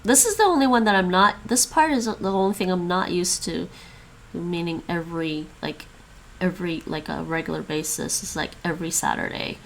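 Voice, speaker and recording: Her voice sits on the low side and comes out creaky at a moderate pace, on poor audio with a little hiss or hum. She grew up speaking English and Chinese, and here she casually talks through her language study on stream, thinking out loud and repeating phrases from other languages.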